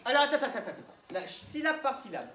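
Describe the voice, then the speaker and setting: A man's voice: extremely high pitch, very animated, rapid-fire, sharp tone. A man teaching young children in a classroom, patiently sounding out words syllable by syllable. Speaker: primary school teacher. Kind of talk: classroom phonics lesson. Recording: echoey room.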